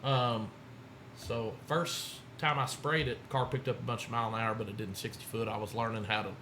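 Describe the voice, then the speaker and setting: A man's voice: mid-range voice, steady tone, fairly quick, pushed and bright, a little hiss or hum. A man telling rambling racing stories in a casual chat and acting out what other people said. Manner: rambling storyteller, acts out other people's lines. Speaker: guest.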